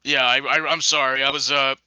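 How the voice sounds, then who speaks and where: Man for a rambling comedy podcast co-host, very bright and clear tone, dry close sound, stammers. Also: medium pitch, flat delivery, fairly quick, dry recording, poor audio. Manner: rambling, stammering with repeated words. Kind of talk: satirical comedy podcast chat.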